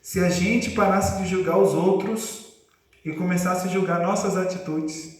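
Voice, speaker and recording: A man's voice: high-pitched, steady tone, a little slow. A male preacher giving a conversational sermon, quizzing his congregation. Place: church congregation hall. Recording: echoey room, voice far from mic.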